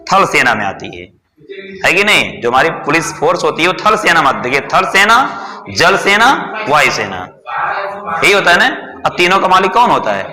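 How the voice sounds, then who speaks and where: High, bright-voiced male teacher. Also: sing-song, a little fast, soft background music. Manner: repetitive, checks with "ठीक है" constantly; asks and answers own questions. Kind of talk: exam-prep lesson with memory story. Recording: roomy hall reverb.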